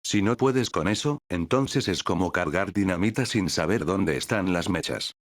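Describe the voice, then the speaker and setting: A man's voice: low voice, lively intonation, moderate pace, no room sound. A man voicing an impatient, blunt old male hero mentor. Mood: gruff.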